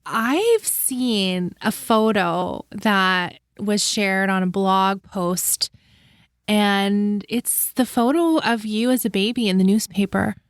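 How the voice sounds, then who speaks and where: A Canadian woman hosts a podcast, interviewing a guest with curious, attentive follow-up questions. Her mid-range voice comes at a slow pace, recorded at studio quality with no room sound.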